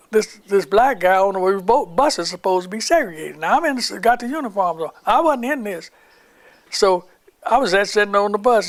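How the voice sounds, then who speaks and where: Older man with a gravelly voice. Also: sits high. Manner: rambling storyteller, acts out quoted voices. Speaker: oral history interviewee. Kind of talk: recounting war memories.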